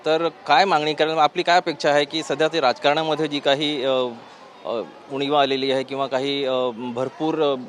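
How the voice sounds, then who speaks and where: A man's voice: on the high side, flat delivery, normal speed, fairly bright tone, a little hiss or hum. Male TV reporter on location. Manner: hesitant questions with many fillers. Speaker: TV field reporter. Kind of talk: on-location news reporting and questions. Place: outdoors at a neighbourhood festival gathering.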